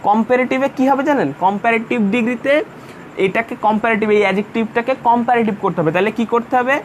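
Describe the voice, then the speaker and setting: A man's voice: very high voice, quick pace, a little hiss or hum. A man teaching an English grammar class in Bengali, explaining patiently and going over each point again. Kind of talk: online class lecture.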